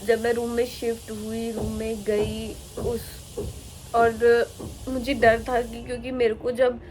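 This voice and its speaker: Young female vlogger, candid and emotional, slightly high voice, light background noise. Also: flat delivery, measured pace, darkish tone, low-quality recording. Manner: emotional, candid, mixes English into her talk. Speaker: vlogger, new mother. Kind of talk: casual vlog talk to camera.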